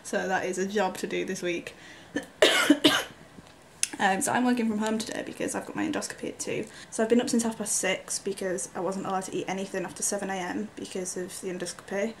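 Young woman, chatty and giggly, home vlog on a handheld camera, quiet room tone behind her. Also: mid-range voice, fairly even intonation, brisk, gravelly, slight background noise. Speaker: vlogger. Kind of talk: casual vlog chat. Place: at home indoors.

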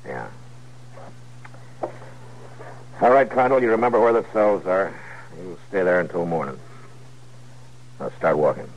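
Old west marshal, american, really low voice, terse n in charge, hissy 1950s radio drama. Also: male voice, lively intonation, normal speed. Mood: firm, measured. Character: steady, skeptical male frontier town marshal. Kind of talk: 1950s radio western acting. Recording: muffled, noisy 1950s radio recording.

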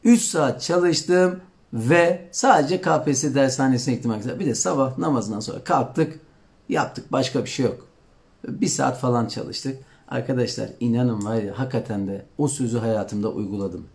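A man speaking at a middle pitch on a live stream. He talks earnestly and reassuringly, like a teacher sharing his own story with exam candidates, and keeps addressing his viewers as friends. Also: moderate pace, vocal fry, a little mellow. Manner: reads and answers viewer comments.

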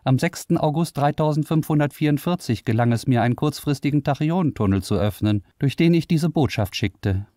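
Toneless and matter-of-fact, this is a self-aware computer intelligence in a sci-fi audio story, boastful about itself yet lonely, as a male narrator puts it on. The voice sits a little higher than a man's everyday register and stays level, recorded dry and close. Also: fairly quick, hardly any pauses, mellow, no echo, lightly acted.

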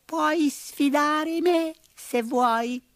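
A man voicing a small, petulant red mouse in a storybook, with a squeaky voice. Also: extremely slow, fairly bright tone, dry recording, exaggerated voice.

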